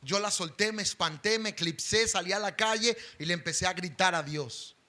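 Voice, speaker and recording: A middle-aged male pastor, preaching an impassioned sermon that swings from loud pleading to hushed intensity. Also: sits high, normal speed.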